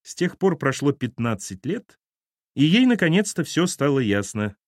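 A man narrating a novel in an expressive storytelling manner. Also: on the high side, moderate pace, no echo, studio quality. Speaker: audiobook narrator. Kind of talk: scripted narration.

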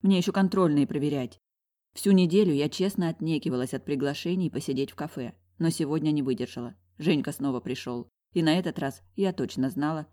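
A woman narrating a first-person audiobook in a wry, rueful, confiding tone. Her voice sits a little low. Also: dark tone.

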